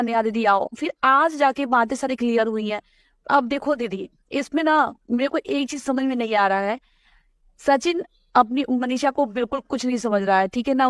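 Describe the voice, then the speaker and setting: A woman on a recorded phone call, talking anxiously with many hurried restarts. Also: a little high, no room sound, clean studio sound. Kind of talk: worried phone conversation.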